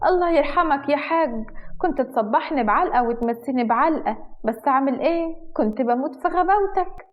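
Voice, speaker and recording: A woman doing a sharp-tongued old widow. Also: high-pitched, animated, fast, voice pushed up. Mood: mocking. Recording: dull lo-fi.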